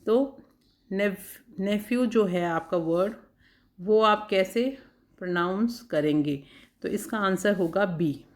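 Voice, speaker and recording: A woman teacher giving an exam-prep lesson. She sounds out words one by one, repeats them, and reads questions out very slowly. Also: medium pitch.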